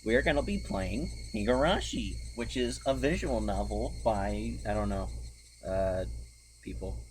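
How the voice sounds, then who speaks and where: Low gravelly guy streaming a visual novel, hammy reading, noisy home mic. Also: unhurried. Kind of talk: casual chat and reading game text aloud. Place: at home, people in the background.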